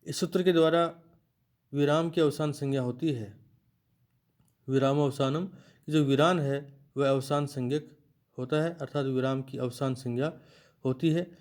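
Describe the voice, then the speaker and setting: A man teaching Sanskrit grammar to students, explaining slowly and restating each point in a lecture style. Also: a little high, steady tone, a little mellow.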